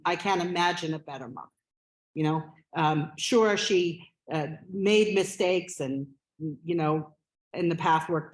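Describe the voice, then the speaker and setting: A woman giving spoken memorial remarks as a family member, halting, with many fillers and restarts, into a microphone at a gathering. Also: fairly low pitch, rough recording.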